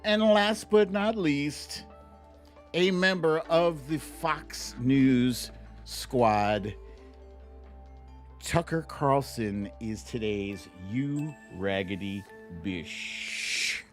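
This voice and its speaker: A middle-aged livestream show host chats casually and playfully with his viewers, drawing out words and throwing in asides, with music in the background. His medium-pitched voice moves very slowly.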